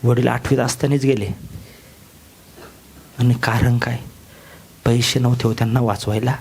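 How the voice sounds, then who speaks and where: A middle-aged man giving an emotional motivational speech, shouting and repeating rallying cries to his audience. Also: mid-range voice, steady tone, moderate pace, slight background noise. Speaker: motivational speaker.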